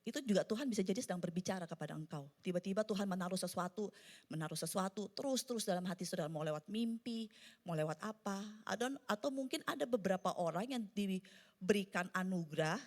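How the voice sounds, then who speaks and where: Female preacher, conversational sermon style, speaks straight to the congregation and stresses key points slowly. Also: mid-range voice, lively intonation, darkish tone. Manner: conversational, addresses congregation as "saudara"; emphatic, slows down on key points. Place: church service.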